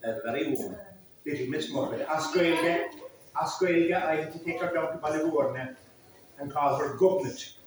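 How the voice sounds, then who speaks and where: A middle-aged Irishman with a Cork accent and a high-pitched voice hosts an informal storytelling session. He is chatty and wanders off on digressions. The sound is very roomy and picked up from a distance. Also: normal speed. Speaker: traditional storyteller hosting a library event. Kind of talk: informal storytelling and chat with an audience. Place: indoors in a library, audience room. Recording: echoey room from far off, faint noise.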